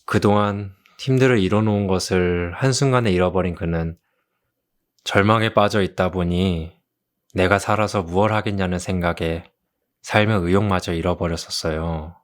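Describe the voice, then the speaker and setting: A South Korean ASMR performer with a low voice takes the role of a caring counseling doctor soothing a patient. His manner is soft and consoling, slow like storytelling, in the style of a tender romantic leading man.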